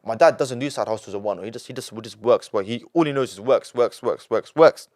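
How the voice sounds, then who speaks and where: This young man from London, aged nineteen, speaks fast with a mid-range, slightly dark tone. As a guest on a laid-back podcast, he rambles emphatically, often restarting and repeating himself.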